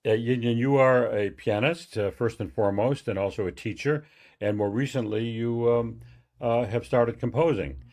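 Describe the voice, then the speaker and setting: A man's voice: medium pitch, moderate pace, a little mellow. A man hosting a radio interview, speaking with many hesitations and restarts. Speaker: radio host.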